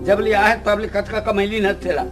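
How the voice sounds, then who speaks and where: A man's voice: high voice, flat delivery, normal speed. A man with a Chhattisgarhi accent acting a grumbling, argumentative husband in a comedy sketch. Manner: grumbling, argumentative, sometimes shouting. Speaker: comic actor playing a quarrelling husband. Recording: loud background music.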